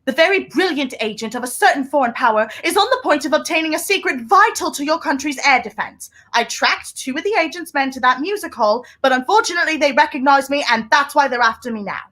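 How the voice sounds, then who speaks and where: In a 1930s radio play, a woman portrays a mysterious secret agent on the run, sounding intense, secretive and proud. Her delivery is deliberate and theatrical, and her voice sits high, expressive and fairly bright.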